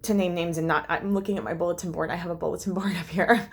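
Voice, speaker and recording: A woman's voice: lowish voice, fairly even intonation, fast talker. A woman vlogging a heartfelt, rambling personal update, full of fillers and restarts and close to tears at times. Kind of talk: casual vlog update.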